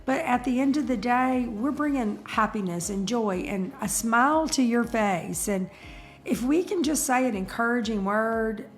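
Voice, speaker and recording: A woman's voice: on the high side, moderate pace, soft background music. A middle-aged woman, co-hosting a casual live chat and telling stories with emphatic energy. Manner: animated storyteller, emphatic. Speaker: co-host of a breeder's live chat.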